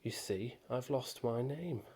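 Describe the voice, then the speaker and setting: A man's voice: mid-range voice, animated, takes it slowly, warm tone, slightly rough. A man doing an anxious, polite little boy. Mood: glum. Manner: stammering, eager questions.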